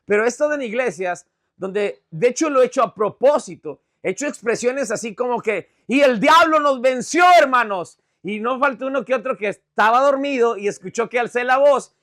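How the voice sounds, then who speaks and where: A man preaching a sermon in an animated, conversational way, often asking the congregation if they follow. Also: extremely high pitch, fairly quick, few pauses. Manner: animated, conversational preaching with frequent check-ins. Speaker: pastor.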